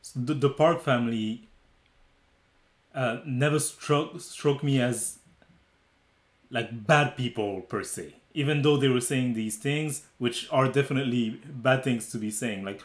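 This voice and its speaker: The co-host of a film review podcast, a man with a measured pace and mid-range pitch, chats casually about a movie. He sounds thoughtful but tentative, filling pauses and restarting as he works through his ideas, and the audio has a roomy quality.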